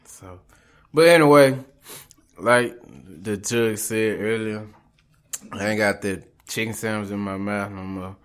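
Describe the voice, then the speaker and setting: A man's voice: fairly low pitch, fairly even intonation, unhurried, fairly bright tone. A man co-hosting a podcast, tipsy and laid-back, drawing out his hype lines. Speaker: podcast co-host. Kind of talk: casual podcast chat.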